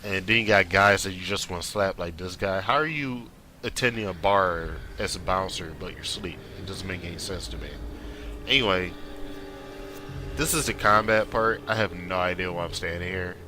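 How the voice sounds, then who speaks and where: A man's voice: deep voice, brisk, bright, forceful tone. A man giving casual, rambling gameplay commentary in an informal, slangy, conversational way, as if chatting over his own footage. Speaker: gaming video creator doing commentary. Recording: clear background noise.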